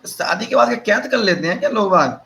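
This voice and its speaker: A man's voice: high voice, expressive, fairly quick, creaky, bright, forceful tone, poor audio. A man, teaching a live online lecture and mixing chatty, teasing asides to his students into the explanation.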